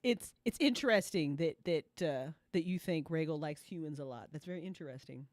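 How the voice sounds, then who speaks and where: A woman with a deep, slightly mellow voice speaks fairly quickly while hosting a casual group chat. She is an after-show host and fiction podcast writer. She talks informally, swears, and often repeats phrases for emphasis.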